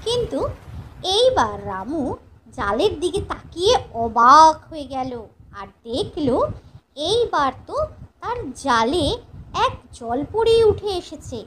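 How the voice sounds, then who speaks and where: A woman narrating a children's cartoon story in an expressive, lilting storybook way. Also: sits high, takes it slowly, slight background noise, low-quality recording.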